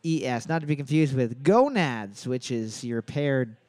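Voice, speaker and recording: A man with a medium-pitched voice hosts a live trivia night, recorded with no room sound. He's animated, reading questions, slowly spelling out the answer choices letter by letter, and joking between rounds.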